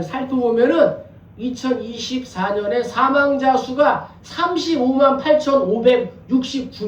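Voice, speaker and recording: A man's voice: very high-pitched, muffled recording. A male pastor preaching a sermon in a conversational way, asking rhetorical questions and joking with the congregation. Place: church sanctuary. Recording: echoey church from a distance.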